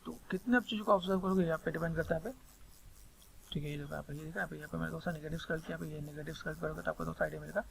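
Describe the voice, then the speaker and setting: A man with a Hindi accent giving a rambling, repetitive screen-recorded software tutorial on 3D sculpting. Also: a little high, fairly even intonation, very fast, creaky. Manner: rambling, repeats filler phrases constantly.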